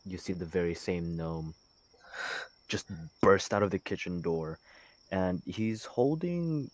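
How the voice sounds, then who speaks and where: A young man with a very deep voice narrates a tabletop game as game master. He describes scenes loosely and casually, restarting his sentences as he goes. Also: animated, slow.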